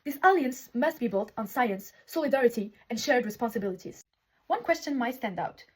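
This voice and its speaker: Husky-voiced young woman from Morocco giving a speech. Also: a little high, expressive, a little fast, rough recording. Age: young adult. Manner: earnest, reads a prepared text with small restarts. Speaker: student speaker representing a city. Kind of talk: prepared speech for a competition.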